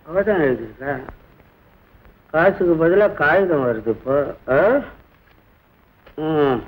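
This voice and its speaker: A man's voice: fairly high pitch, expressive, slow, narrow, tinny audio. An actor playing a bitter man who reads a letter aloud and grumbles. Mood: sour. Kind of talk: 1960s Tamil film acting.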